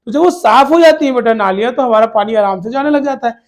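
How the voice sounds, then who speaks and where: High-voiced man teaching children. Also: lively intonation, fast talker. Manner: asks questions and answers them himself, repeating key words; calls students "beta" in a fatherly way. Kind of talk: exam-prep lesson for children.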